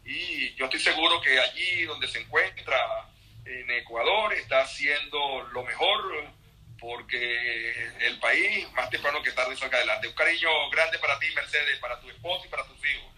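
Man, interview guest, animated storytelling, very bright forceful tone. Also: medium pitch, normal speed, poor audio. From Venezuela. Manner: animated storyteller, acts out quotes. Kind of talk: conversational interview.

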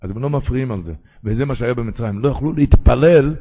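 A man who is a rabbi, giving a Torah sermon with animated preaching and sudden cries. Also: mid-range voice, narrow, tinny audio.

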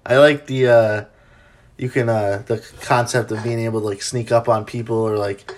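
A man's voice: mid-range voice, fairly even intonation, moderate pace, a little hiss or hum. A man hosting a podcast in casual chat, chatty with many fillers, laughing easily. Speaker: podcast host.

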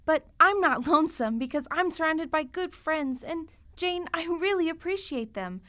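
An actress playing a naive, sweet young roommate in a 1940s radio comedy, with a bubbly, innocent delivery. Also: female voice, extremely high pitch, lively intonation, moderate pace, bright, forceful tone, heavily acted. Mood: cheerful.

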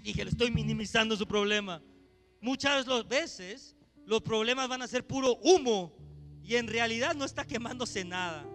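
Male pastor preaching, high pitched, bursts from quiet asides into shouting, guitar playing behind. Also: normal speed. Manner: swings from hushed asides to shouted exhortation. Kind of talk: sermon.

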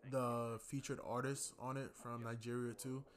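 A man's voice: mid-range voice, flat delivery, normal speed. Rambling young man reviewing music. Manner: loose and rambling, lots of fillers. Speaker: podcast host. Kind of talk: casual music review chat.

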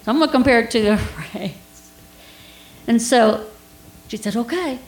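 A woman's voice: on the high side, normal speed, reverberant, rough recording. A woman giving an informal Bible teaching, telling a personal story in a chatty way with laughs and asides.

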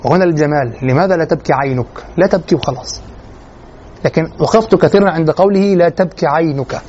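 Guy teaching a poetry class, talks quick, keeps asking if it's clear, dull lo-fi sound. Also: a little high, darkish tone, a little hiss or hum. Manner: questioning, often asks the class if it is clear. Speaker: lecturer.

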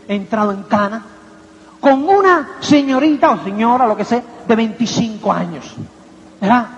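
A man giving a motivational seminar talk to an audience, rhetorical and animated, constantly asking if they follow him. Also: very high voice. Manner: rhetorical, keeps asking "¿me entiendes?"; acts out little quoted voices and anecdotes. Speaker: motivational speaker. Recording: echoey hall, dull lo-fi sound.

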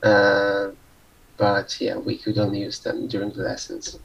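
Low-voiced man, hesitant. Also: monotone, measured pace, vocal fry, noisy background. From Poland. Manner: hesitant, many fillers. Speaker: podcast participant. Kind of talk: casual chat.

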